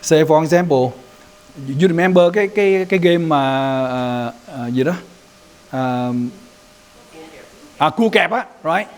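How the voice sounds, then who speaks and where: Giving a casual training lecture as a Buddhist youth leader, a man with a Vietnamese accent talks in a loose, conversational way, sprinkling in Vietnamese and repeatedly asking "right?" He has a fairly high voice, a measured pace, and pauses often.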